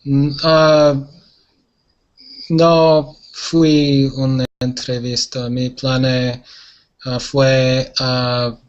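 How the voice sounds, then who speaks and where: A man answering as a student in an online language class, halting and searching for his words. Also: medium pitch, flat delivery, smooth, highs cut off.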